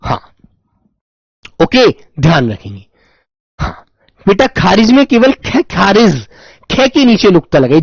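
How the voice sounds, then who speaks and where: A man teaching an online exam-prep Hindi lesson, dictating slowly, repeating words and calling his students "my dear children". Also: high-pitched, no room sound, highs cut off. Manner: slow, drawn-out dictation with many repetitions, addresses students as "my dear children".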